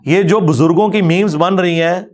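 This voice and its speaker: A man giving a measured, sarcastic rebuttal. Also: high voice.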